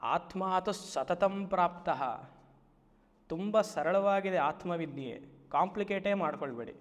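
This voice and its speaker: A man, a spiritual teacher giving a Vedanta discourse, who stretches key phrases slowly and keeps asking his listeners rhetorical questions. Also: sits high, in a large hall, muffled recording. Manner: slow, drawn-out emphatic phrases and frequent rhetorical questions.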